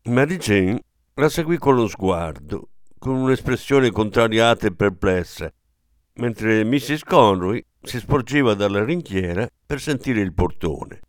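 A man narrating a literary novel as an audiobook, measured and expressive. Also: on the low side, dry recording, studio quality. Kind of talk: audiobook reading of literary fiction.

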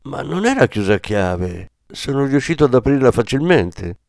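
A man's voice: mid-range voice, very animated, moderate pace, gravelly, darkish tone, dry recording, studio quality, voice pushed up. A man voicing a curious, thoughtful ten-year-old boy in an audiobook, asking earnest questions. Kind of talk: audiobook reading.

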